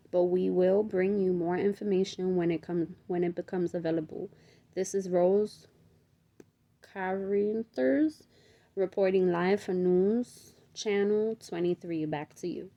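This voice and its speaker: A woman's voice: on the low side, gravelly, warm tone. A woman reading aloud as a TV news reporter, with formal news delivery.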